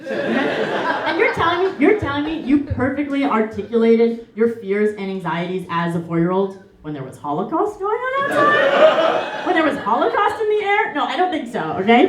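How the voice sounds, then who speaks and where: A woman's voice: high voice, sing-song, brisk. A young woman performing a comic monologue in a stage musical, chatty and self-mocking, full of fillers. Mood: wry. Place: theater stage, live. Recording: roomy stage with faint music.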